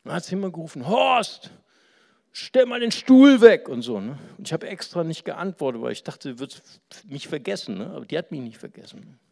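A male preacher giving a conversational sermon, moving from soft near-whispers to loud, animated storytelling and asking the listeners questions. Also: medium pitch, fast talker, gravelly, hardly any pauses.

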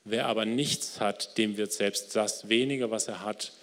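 A stern, newly crowned king speaks low and grave, a male preacher voicing him as he reads. His words hang in a long hall reverb. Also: steady tone, measured pace, fairly bright tone.

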